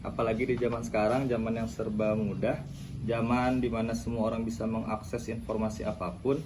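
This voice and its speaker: A man in his thirties, a high school teacher, giving measured, explanatory interview answers. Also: level tone. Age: 30s. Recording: noisy background.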